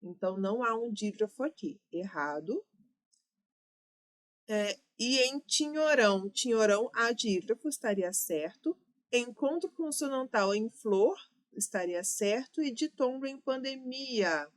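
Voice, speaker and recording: A woman's voice: on the high side, expressive, a little slow. A woman with a Brazilian Portuguese accent teaching an exam-prep grammar lesson, explaining step by step and correcting herself as she goes.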